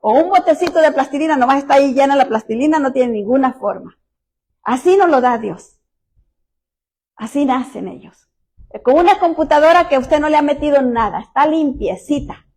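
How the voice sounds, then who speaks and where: A woman's voice: fairly high pitch, a little mellow. A middle-aged woman pastor, preaching a sermon and telling personal stories in a conversational way that speaks directly to the listeners.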